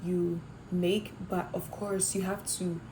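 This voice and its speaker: Young woman, from Ghana, lowish voice, thoughtful, noisy background. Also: flat delivery, takes it slowly. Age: young adult. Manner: thoughtful, with fillers and restarts. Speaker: fashion design student. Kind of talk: interview answers to camera.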